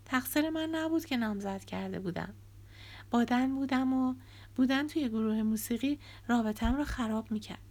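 A woman's voice: fairly high pitch, darkish tone, pitched above the performer's own voice, lightly acted. A woman reading an audiobook, voicing a tense, defensive young woman who used to write songs for a band. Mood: pleading.

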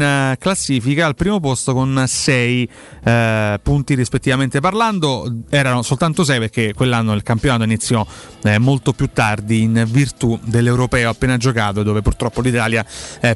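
A man hosting a radio show in a conversational sports-talk style. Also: mid-range voice.

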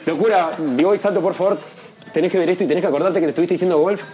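A man's voice: very fast, music in the background. A young man, telling a story as an interview guest and acting out the people he quotes. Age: young adult. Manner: animated, acts out quoted voices in a higher pitch. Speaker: guest, freestyle rapper.

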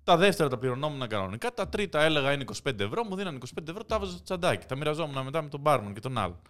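A young man in casual podcast chat, an animated storyteller who laughs often. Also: on the high side. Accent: Greek. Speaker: podcast co-host.

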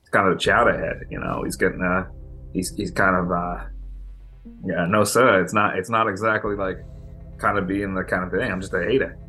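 A man's voice: deep voice, fairly even intonation, normal speed, sharp tone, soft background music. A man playing a brash, foul-mouthed Boston woman. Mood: dismissive. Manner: profane, blustering, stammering. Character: brash foul-mouthed young woman from Worcester posing as European.

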